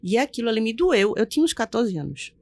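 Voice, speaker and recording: A middle-aged woman pastor telling her personal testimony in a casual interview, animated and playing out the voices of people in her story. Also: on the high side, fast talker, no room sound. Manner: animated storyteller who acts out quoted voices and laughs often. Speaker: pastor, podcast guest.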